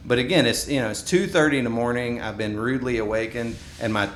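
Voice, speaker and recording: A man in his thirties telling stories in a casual podcast chat, animated, acting out what people said. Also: fast. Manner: animated storyteller, acts out quotes. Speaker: podcast co-host. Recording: echoey room with faint rumble.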